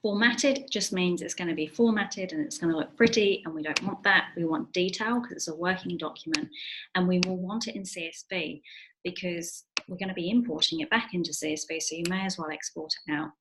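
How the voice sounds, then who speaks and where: Woman w a fairly low voice doing a screen-share tutorial, chill step-by-step explaining, lots of ums. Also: a little fast, background noise. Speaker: software tutorial host.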